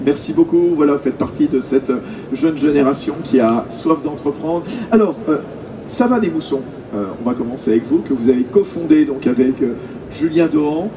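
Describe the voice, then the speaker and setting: A male host leads an interview on a conference main stage. He is enthusiastic and halting, with plenty of fillers, and his mid-range voice sits at a distance from the mic. Steady event noise fills the background. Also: medium pitch, dull audio.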